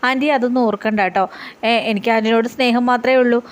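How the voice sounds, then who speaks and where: A woman's voice: on the high side, fairly even intonation, fast, natural voice. A woman voicing a sweet, trusting young woman who reassures her aunt. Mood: reassuring.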